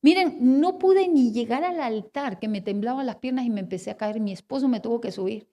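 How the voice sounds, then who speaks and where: A woman pastor in her forties with a Spanish accent preaches from the pulpit, her voice sitting high. She tells a personal testimony in a lively, storytelling way, dropping to near-hushed moments and then rising to emphatic ones. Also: a little fast. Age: 40s. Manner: storytelling, animated, swings between hushed and emphatic.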